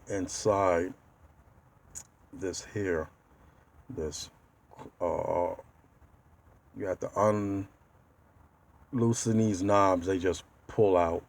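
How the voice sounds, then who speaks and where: A low-voiced, slightly mellow man hosts a DIY car video, giving a casual, informal how-to walkthrough. He talks slowly and haltingly, pausing mid-sentence to find his words. He records on a handheld tablet.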